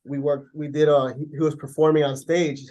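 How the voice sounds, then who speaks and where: A man's voice: fairly high pitch, flat delivery, fairly quick, a little mellow, lo-fi sound. A laid-back man from Chicago, a guest in a casual interview, who keeps dropping "man" and "bro".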